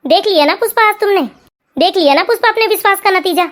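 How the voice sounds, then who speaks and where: A performer voicing a stern older father-in-law in a cartoon story, reproachful, in a very high voice. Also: fast talker, a bit bright. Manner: told-you-so, reproachful.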